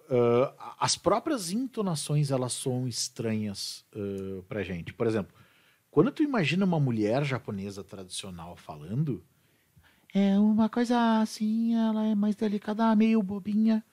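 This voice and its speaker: A man, an English teacher chatting casually and animatedly. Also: medium pitch. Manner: animated, repeats and restarts words. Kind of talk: casual podcast chat.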